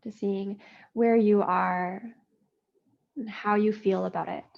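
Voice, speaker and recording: A woman yoga teacher leading a slow guided practice, soothing and unhurried with long pauses. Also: mid-range voice, fairly even intonation, vocal fry, highs cut off.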